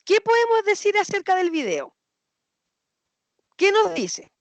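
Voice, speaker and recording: A woman's voice: very high-pitched, huge pitch swings, a little slow, no room sound. A woman teaching a history class, asking questions, repeating students' answers and checking that they follow.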